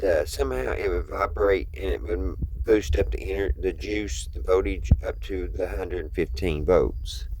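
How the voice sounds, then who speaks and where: A deep-voiced American hobbyist hosts a folksy, rambling show-and-tell video, talking casually to viewers and thinking aloud as he goes. Background noise can be heard.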